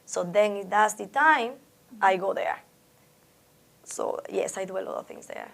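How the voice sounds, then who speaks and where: Speaking unhurriedly in a medium-pitched, creaky voice with a fairly bright tone, a woman from the Dominican Republic discusses her art. The Spanish-speaking artist, who has a Dominican Spanish accent, is reflective in this oral history interview and often restarts what she's saying.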